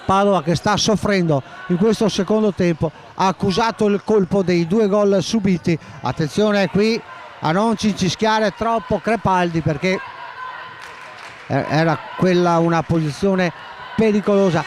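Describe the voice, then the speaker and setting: A man doing live play-by-play commentary of a futsal match, excitable and often shouting as the action builds. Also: sits high, slight background noise. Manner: excitable, shouts at key moments, names players rapidly.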